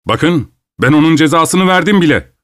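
A man's voice: fairly high pitch, lively intonation, moderate pace, a bit bright, no echo, studio quality, voice pushed up. A man voicing a greedy, tactless male dinner guest with a boisterous, self-satisfied manner. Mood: smug.

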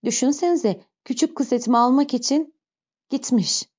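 A woman's voice: high-pitched, moderate pace, darkish tone, voice pushed up. Woman doing a feverish young mother, pleading. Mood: elated. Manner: urgent, pleading outbursts. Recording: dull lo-fi recording.

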